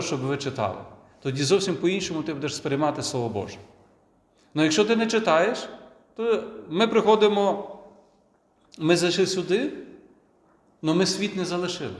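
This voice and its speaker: A man, a priest, giving a conversational sermon full of rhetorical questions. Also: fairly high pitch. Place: church. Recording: echoey church with long reverb.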